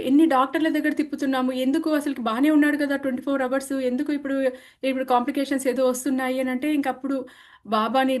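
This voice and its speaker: A woman telling the story of her own spiritual experience in a conversational way, earnest and full of restarts, slipping English words into her speech. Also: sits high. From India. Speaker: meditation practitioner sharing her experience. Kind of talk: personal testimony, conversational.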